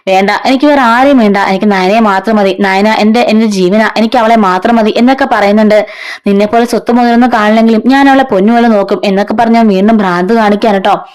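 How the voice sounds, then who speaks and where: A woman with a mid-range, darkish voice casually retells a serial story in a chatty, conversational way. She quotes the characters in her own voice and adds "ട്ടോ" tags.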